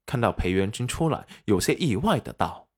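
A man narrating a serialized web novel audiobook with expressive storytelling. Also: fairly low pitch, moderate pace.

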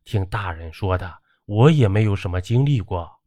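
A man's voice: low voice, animated, moderate pace, dark tone, no room sound. A man voicing a timid young male ferryman who talks in an anxious, pleading way. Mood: cautious.

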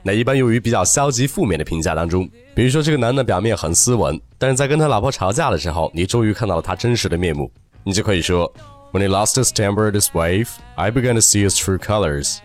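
Lively low-voiced man teaching pronunciation. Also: faint music behind. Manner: slow drawn-out demonstration words. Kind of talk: lively spoken lesson.

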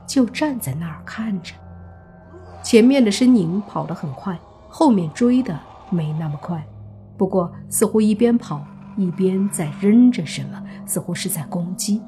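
Woman narrating a serialized novel. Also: lowish voice. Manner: steady storytelling narration. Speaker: audiobook narrator.

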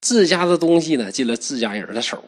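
Man doing a sighing old fox-spirit grandmother, motherly, husky voice, lively pitch. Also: brisk. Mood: kindly. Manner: sighing, coaxing.

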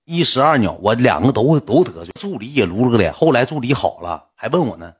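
A man's voice: medium pitch, a little fast, slightly rough. A man with a Northeastern Mandarin accent telling a personal story in casual, colloquial speech, repeating phrases as he goes. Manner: colloquial, repetitive, animated retelling.

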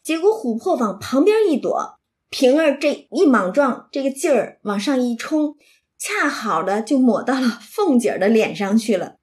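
A woman retells a classic novel scene by scene, mixing the story with her own chatty comments. Her voice is a bit higher than average, and she keeps turning to her listeners for agreement as she goes. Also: lively intonation, normal speed, a little mellow. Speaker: literature explainer.

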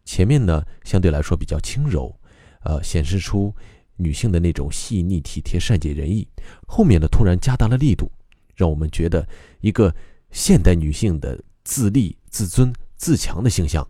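A man teaching how to recite a poem, explaining calmly and methodically with frequent pauses. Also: low voice, no echo, clean studio sound. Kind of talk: explanatory lesson on reading poetry aloud.

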